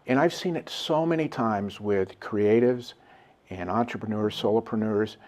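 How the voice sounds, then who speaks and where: A man's voice: on the low side, moderate pace, darkish tone. A man, a guest, telling an earnest and reflective story in casual talk.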